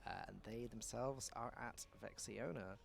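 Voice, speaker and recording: A man hosting a casual livestream, curious and full of questions for his guests. His voice has a gravelly edge and sits at an ordinary pitch. He talks in a relaxed, conversational way. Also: unhurried, a little hiss or hum. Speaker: stream host.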